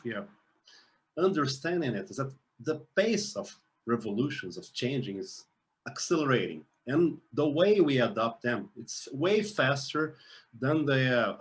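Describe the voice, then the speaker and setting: A man moderating a panel discussion, enthusiastic, with hesitant restarts. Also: medium pitch.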